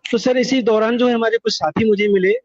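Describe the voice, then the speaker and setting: Calling in to share his life story, a middle-aged man speaks a little fast in a steady tone, his voice sitting high. He's earnest and wordy, doubling up words to stress them, over a dry, dull lo-fi phone line.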